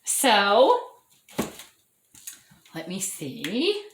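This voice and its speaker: Showing off her orchids in a relaxed vlog, a woman talks with eager chattiness and keeps correcting herself while her voice begins to go. Her mid-range pitch swoops wildly and she draws out her words. The home dining room is echoey, with slight background noise.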